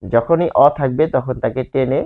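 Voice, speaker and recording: Man teaching slowly over tinny audio. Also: medium pitch. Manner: repeats key terms slowly, asks and answers own questions. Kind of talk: classroom grammar lesson. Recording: tinny, phone-like sound.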